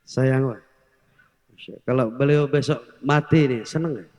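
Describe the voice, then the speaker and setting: A man's voice: mid-range voice, a little slow, darkish tone. A male preacher giving a comic sermon, joking and teasing the crowd, mixing in Javanese words. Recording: echoey hall, long reverb.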